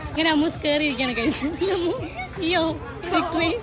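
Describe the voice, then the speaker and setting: High-voiced Malayali woman vlogger mixing in English. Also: normal speed. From Palakkad, Kerala, India. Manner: mixes English words into Malayalam; exclamatory, addresses viewers often. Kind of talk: casual on-the-go vlog chat. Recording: crowd chatter and music behind.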